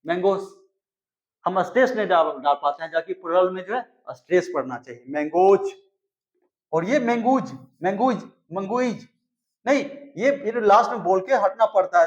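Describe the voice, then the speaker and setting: A man teaching a grammar lesson. He explains slowly, repeats himself and sounds out example words. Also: high-pitched, expressive, muffled recording. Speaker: English teacher.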